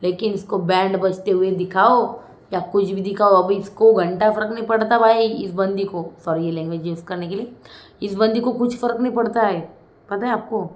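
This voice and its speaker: A woman's voice: mid-range voice, fairly even intonation, moderate pace, a little mellow, reverberant. A woman giving casual, chatty commentary as a reality show reviewer, often saying "bhai" and "hmm".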